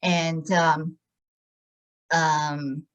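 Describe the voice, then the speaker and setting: A woman's voice: deep voice, little pitch movement, very slow, smooth, dull audio. A woman in her sixties giving a casual sales talk about a wellness program, hesitant and full of fillers and restarts. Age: 60s. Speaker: wellness product presenter.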